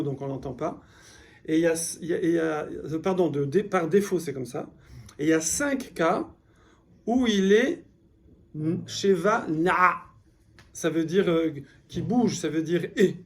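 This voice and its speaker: A man teaching a beginner Hebrew class in French, explaining patiently and checking with his students as he goes. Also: fairly high pitch. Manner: explains patiently, repeats key words, asks "d'accord?". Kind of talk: classroom lesson.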